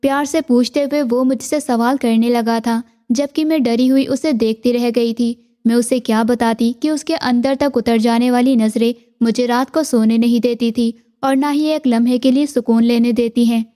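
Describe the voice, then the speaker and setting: A woman's voice, likely text-to-speech, narrating a romance story in an even, unhurried reading. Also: a little high.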